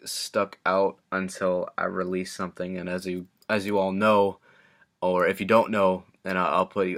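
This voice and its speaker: A teenage man chatting in a casual vlog with a deep, low voice that stays fairly flat. His tone is bright and forceful. He rambles, stumbling through restarts and fillers. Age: teens. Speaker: vlogger and hip-hop artist.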